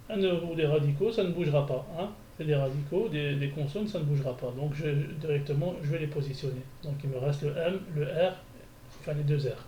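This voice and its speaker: A man talks through a beginner lesson, correcting exercises and often restarting his sentences. His voice sits a little high. The room is echoey, with a faint hum of ambience behind him. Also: mellow. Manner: thinking aloud, many restarts and fillers. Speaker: Arabic teacher. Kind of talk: screencast lesson.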